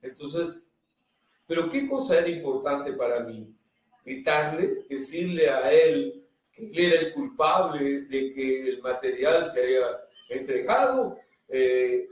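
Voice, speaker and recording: A man teaching a course on leadership, telling a workplace anecdote with rhetorical questions and quoted dialogue, recorded with a distant mic in an echoey room. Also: a little high. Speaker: course instructor. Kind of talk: storytelling lesson.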